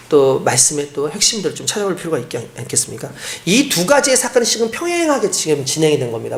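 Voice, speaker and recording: A man's voice: on the high side, reverberant. A male pastor preaching a sermon, telling the story vividly and acting out the voices. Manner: animated storytelling with acted voices.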